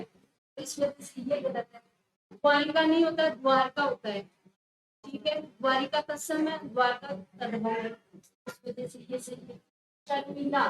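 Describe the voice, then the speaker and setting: A woman teacher going over exam questions with her students, firmly correcting mistakes and repeating key words. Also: sits high. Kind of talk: exam prep lesson going over a test. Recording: echoey room with faint noise.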